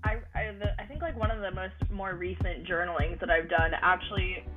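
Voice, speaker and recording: A woman's voice: lowish voice, steady tone, music in the background. A woman talking loosely on a podcast, restarting her sentences as she goes. Her voice bounces back with a broad echo, like a big empty hall. The remote audio is a little dull and muffled. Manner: chatty, halting restarts. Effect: echoey, roomy sound on her mic. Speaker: podcast co-host. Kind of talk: casual podcast chat.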